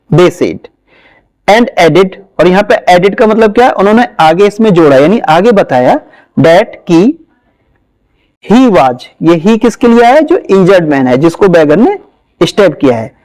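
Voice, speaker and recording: A young man with an Indian accent teaches English in an online lesson. He reads a news article in short chunks and explains each phrase patiently. His voice sits high for a man. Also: sing-song, a little mellow, rough recording. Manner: slow, explanatory, stresses word pronunciation and spells words out. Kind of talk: reading a news article aloud with line-by-line translation.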